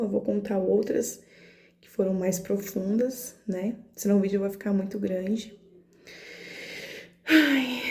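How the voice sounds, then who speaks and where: Emotional woman with a gravelly voice. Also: a little high, warm tone, reverberant. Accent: Brazilian Portuguese, São Paulo area. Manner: emotional, hesitant, repeats words. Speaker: astrology vlogger. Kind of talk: personal storytelling vlog.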